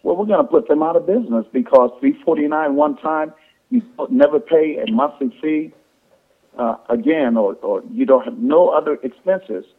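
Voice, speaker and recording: A man giving an informal sales presentation to affiliates on a conference call, explaining in a halting, repetitive way with false starts. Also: on the high side, expressive, breathy edge. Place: conference call over the phone. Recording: tinny, band-limited phone conference line.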